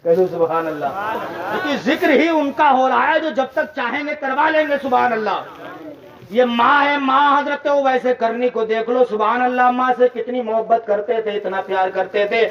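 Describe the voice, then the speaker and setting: A man delivers a fiery religious sermon to a large gathering, his voice pitched very high. He tells a story and builds to passionate shouts, pausing to call on the crowd to answer him. The recording sounds distant and dull, like a lo-fi tape of a public-address system. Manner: impassioned, rising to shouts, prompts audience chants. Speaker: maulana preaching.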